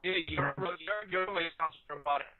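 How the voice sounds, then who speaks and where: A man's voice: a little high, fairly even intonation, normal speed, over loud music. A man on a lagging online voice call, his voice coming through robotic and glitchy as he talks with hesitant restarts. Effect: robotic, glitchy voice from call lag. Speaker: podcast co-host. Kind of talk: casual group call chat. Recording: dull lo-fi online call audio.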